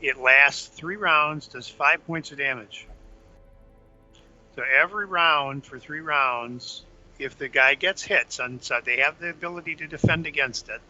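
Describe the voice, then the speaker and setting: A man's voice: a little high, unhurried, sharp tone. A man casually walking his younger brother through game strategy, explaining step by step while chewing candy. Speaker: older brother giving game tips. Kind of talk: casual gaming walkthrough chat. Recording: dull lo-fi sound with faint music.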